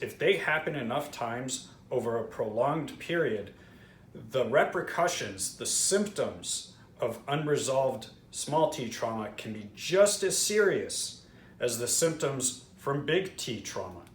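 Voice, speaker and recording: A man's voice: medium pitch, sing-song, measured pace. A man from Israel, host of a trauma-healing channel, candidly explaining with frequent fillers and restarts. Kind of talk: earnest explanatory talk to camera. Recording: roomy echo with faint background noise.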